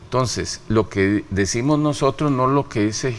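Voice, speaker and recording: Speaking at a measured pace in a medium-pitched voice, a Costa Rican man appears as an interview guest. He's a human rights official whose answers are emphatic and full of rhetorical questions.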